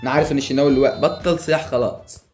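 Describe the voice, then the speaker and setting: A man with an Egyptian Arabic accent doing excitable live commentary over a football video game, yelling at the players and joking with viewers. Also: medium pitch, racing, soft background music. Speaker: gaming YouTuber.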